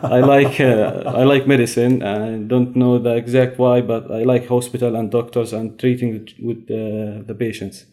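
Hesitant young man, dark voice. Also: medium pitch, little pitch movement. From Palestine. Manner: hesitant, halting. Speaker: pediatric resident.

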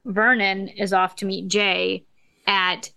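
Podcast co-host, woman, gravelly low rasp, dry close sound, chatty recap delivery. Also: level tone, slow pace, sharp tone, no room sound. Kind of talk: casual episode recap.

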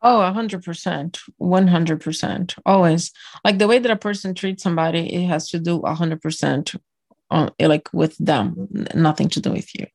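A woman from Brazil co-hosting a casual podcast, telling stories with lively quoted voices. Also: fairly low pitch, normal speed, slightly rough. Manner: animated storytelling, acts out quoted people. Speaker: podcast co-host. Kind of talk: casual chat.

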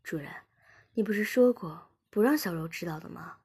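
A woman's voice: lowish voice, expressive, normal speed, dark tone, breathy edge, heavily acted. A woman doing a frightened, begging young woman. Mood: pleading.

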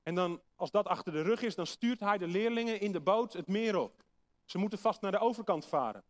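A high-pitched man delivers a sermon to a congregation. He explains things patiently and poses questions for his listeners to think over. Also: lively intonation, fairly quick. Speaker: preacher. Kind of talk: sermon with Bible reading.

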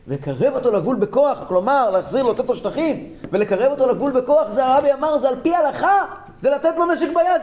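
A man giving a Torah lesson to a group, impassioned, swinging from loud exclamations down to low, intense talk. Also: reverberant. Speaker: Torah teacher.

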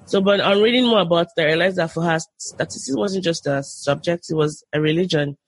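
Eager and enthusiastic, this Nigerian podcast guest speaks with a Nigerian accent in casual conversation, frequently starting her sentences over. Her voice runs on the low side, brisk and slightly rough, with no room sound.

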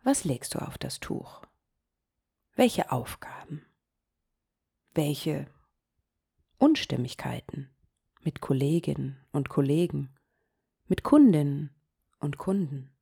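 A woman hosting a guided meditation podcast, speaking softly and gently, often sinking into a whisper. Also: low-pitched, lively intonation, vocal fry, slightly rough. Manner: slow, soft-spoken, gently guiding, drops into whispers.

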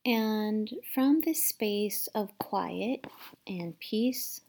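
A woman leading a guided meditation in a soft, soothing, unhurried manner, with long pauses between instructions. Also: mid-range voice, gravelly. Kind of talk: guided meditation, instructing listeners to relax and breathe.

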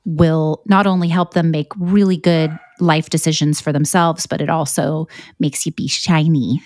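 A woman co-hosting a casual podcast, speaking in a friendly, earnest way. Her voice sits a little low for a woman. The sound is dry and closely miked. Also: fairly even intonation, darkish tone, no echo. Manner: friendly, earnest, quick to agree. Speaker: podcast co-host.

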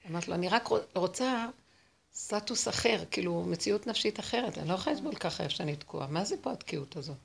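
A woman's voice: fairly low pitch, creaky, breathy edge. A woman teaching a spiritual lesson, telling stories with emotion and acting out what people said. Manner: animated, dramatic storytelling.

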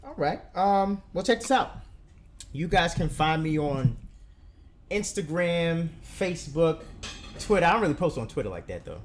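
A man's voice: on the high side, very animated, normal speed, a little hiss or hum. A man chatting casually as a podcast guest and fitness trainer, slangy, laid-back and agreeable.

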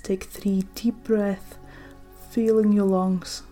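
Mellow woman narrating a soothing sleep story. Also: medium pitch, little pitch movement. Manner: gentle, soothing, unhurried delivery with soft breathy phrase endings. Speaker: guided meditation narrator. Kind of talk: sleep-story style guided meditation, scripted narration. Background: music.

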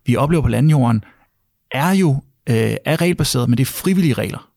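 A man's voice: medium pitch, animated, darkish tone, no room sound, studio quality. A man hosting a podcast in a casual discussion, thinking aloud, repeating words and tagging his points with a questioning "right?". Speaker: podcast host.

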